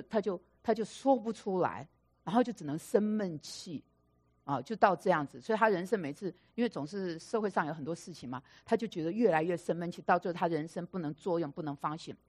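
Lowish-voiced woman preaching through stories. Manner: animated storyteller, acting out quoted dialogue; repeats phrases for emphasis. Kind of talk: storytelling sermon.

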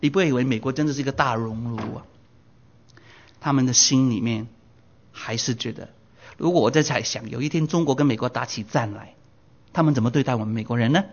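A man in his sixties preaching a Bible sermon, his voice surging high and loud for emphasis and slipping in English phrases. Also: fairly quick, long pauses. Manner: drops English phrases into Mandarin. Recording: dull lo-fi recording.

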